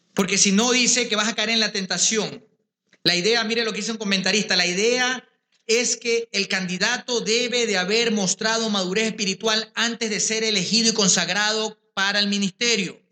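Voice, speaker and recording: High, bright-voiced man preaching a lecture. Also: moderate pace. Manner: rhetorical questions, addresses listeners directly. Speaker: conference speaker addressing pastors. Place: symposium venue. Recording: echoey room sound.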